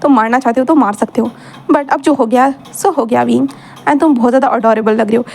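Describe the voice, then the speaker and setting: A smug, doting young man who teases in an easy, playful tone, as a woman narrator voices him. The voice stays high and quick, close to her own. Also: gravelly, darkish tone. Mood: teasing. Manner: playful, teasing.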